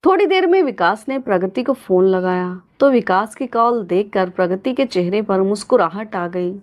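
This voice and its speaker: A woman narrating a moral family story in a scripted reading, voicing every character in one steady voice. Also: mid-range voice, normal speed, dull audio.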